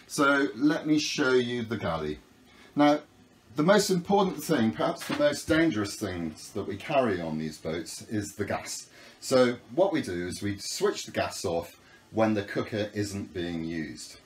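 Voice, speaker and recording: This skipper from a sailing school, a man in his fifties with a fairly low voice, is very animated yet keeps a measured pace as he shows off a small yacht. His practical, friendly walkthrough moves from outside to the cabin, recorded on a handheld phone with a little hiss or hum.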